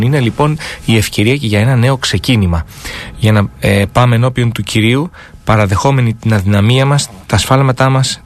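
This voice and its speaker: A man on a radio Bible discussion, speaking earnestly and reading scripture verses aloud. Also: mid-range voice.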